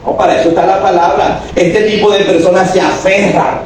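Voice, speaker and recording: A man preaches in a high, carrying voice. His words bounce through a very echoey church, and he sounds far from the mic. A faint hiss sits underneath. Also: fairly even intonation, brisk. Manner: emphatic, asks the congregation questions and acts out quoted voices. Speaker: pastor. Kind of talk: sermon. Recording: echoey church hall from a distance.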